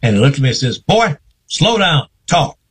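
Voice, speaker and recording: An older man, a guest on a radio interview, telling his life story slowly and reflectively. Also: a little high, sing-song, fairly bright tone, slightly rough, low-quality recording. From North Carolina, US. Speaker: guest, veteran newsman.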